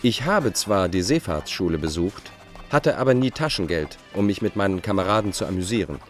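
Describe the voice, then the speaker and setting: Faint music sits behind a low, animated male voice moving fairly quickly. The actor portrays a Dutch fugitive in a radio drama, bitter and self-justifying, who reads out his letters as a monologue. He lists his points one by one, formal, pedantic and insistent.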